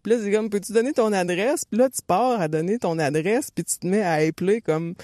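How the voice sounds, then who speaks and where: Quebec woman telling a relaxed story. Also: fairly low pitch, a little fast, dry recording, clean studio sound. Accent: Quebec French. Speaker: podcast co-host, running coach. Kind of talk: casual chat, storytelling.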